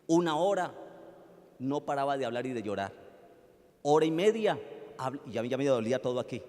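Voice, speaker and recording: A man with a Colombian accent, a pastor preaching a sermon and telling a story, swinging from loud pleading to hushed tones. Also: medium pitch, expressive, brisk, in a large hall.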